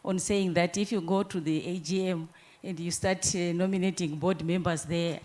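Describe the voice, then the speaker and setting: A woman from Zimbabwe speaks from the floor of a conference room into a handheld microphone as an audience participant. Her low-ish, mellow voice holds a steady tone at a moderate pace, and she explains earnestly and at length, often restarting her sentences.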